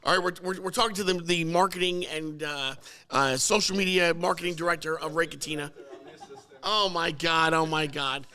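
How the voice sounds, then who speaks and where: A podcast host banters casually with his co-host on a talk show recorded in a car service center. His voice is going hoarse, he speaks at a moderate pace, and he gets excitable, his pitch jumping up whenever he argues.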